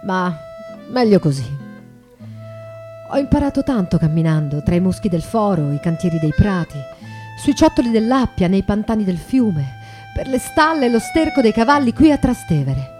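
Wistful and searching, the actress speaks in her natural, medium-pitched voice with a sing-song lilt at normal speed. She plays an embittered, elegant, ironically proud 19th-century bourgeois wife in a confessional monologue, hushed at times and declamatory at others, over live guitar.

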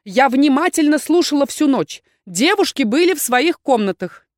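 A woman's voice: high voice, sing-song, moderate pace, no echo, studio quality, voice pushed up. A woman voicing a nervous, strict female dormitory warden who speaks eagerly and insistently.

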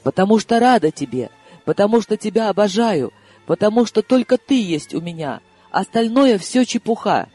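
Brief: impulsive young heroine, played by a male audiobook reader, lively husky voice, swinging up into excited highs. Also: moderate pace, hardly any pauses, faint music behind, full character voice. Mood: tipsy, emotional. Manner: excitable, raised and high-pitched. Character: tipsy young Russian woman, impulsive and emotional. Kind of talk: audiobook character reading.

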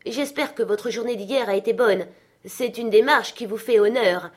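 A woman's voice: a little high, moderate pace, pitched above the performer's own voice, natural voice. A woman voicing Scrooge, a joyful old man, reading his lines with cheerful eagerness in a storybook reading.

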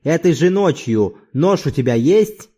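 A hulking young village brute from a storybook, snarling and thirsting for revenge, as a male reader puts him on. The threats come out raised and lively, swinging all over, with a dark, mellow tone underneath. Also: a little high, a little slow, pitched above the performer's own voice. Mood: menacing.

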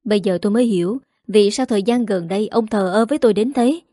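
A woman's voice: medium pitch, fast, mellow, no echo, clean studio sound, close to an everyday voice. A woman voicing a jealous wife in her fifties who complains plaintively, read in a storybook.

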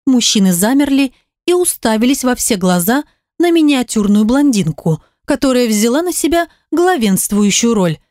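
A woman's voice: fairly high pitch, big pitch swings, normal speed, a little mellow, no echo. Female narrator, first-person romance read, dry close sound. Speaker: audiobook narrator.

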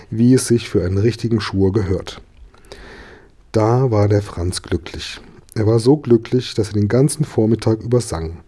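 A man reading a children's story aloud in a calm, measured way. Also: on the low side, breathy edge. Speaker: reader.

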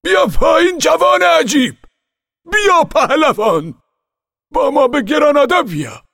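A man voicing an eager older nobleman who shouts and pleads in an audiobook. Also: high-pitched, sing-song, creaky, breathy edge, no echo, studio quality, pitched above the performer's own voice, full character voice. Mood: pleading, shouting. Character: eager older male nobleman calling a youth down.

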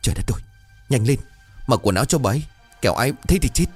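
A man voicing a greedy, scheming young wife in a ghost story, shrill and harsh. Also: expressive, quick pace, breathy edge, faint music behind.

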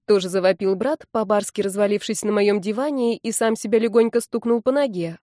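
A woman narrating a first-person audiobook with a wry, lively storytelling manner. Her voice sits at a medium pitch. The recording is dry and close. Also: fairly quick, no room sound.

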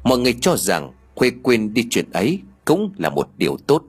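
A man narrating a ghost story audiobook with expressive, dramatic storytelling. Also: mid-range voice, normal speed, breathy edge.

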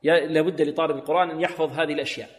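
A man's voice: a little high, fairly even intonation, rapid-fire. A man teaching Quran recitation, patiently repeating sounds for his students to copy and chanting short examples. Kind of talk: tajweed lesson with chanted demonstrations. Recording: long reverb, religious radio broadcast.

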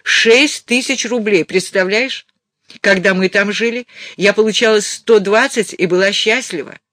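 Guy putting on a worked-up old mom, high squeaky voice, scolds a lot, audiobook. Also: unhurried, sharp tone, no echo. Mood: indignant. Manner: shrill, scolding, emphatic. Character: fussy elderly mother, excitable and indignant. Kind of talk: audiobook character voice.

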